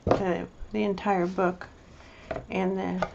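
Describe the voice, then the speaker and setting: Gravelly, flat-toned woman crafting vlogger. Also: medium pitch, slow, highs cut off, background noise. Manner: rambling, hesitant, chatty with many restarts. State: mouth full of candy. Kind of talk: casual show-and-tell craft video.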